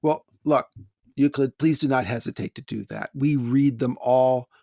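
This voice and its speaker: A man's voice: mid-range voice, moderate pace, gravelly, dark tone, dry recording, studio quality. An American man co-hosting a podcast, reading listener emails aloud and adding wry asides in casual chat. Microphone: close podcast microphone.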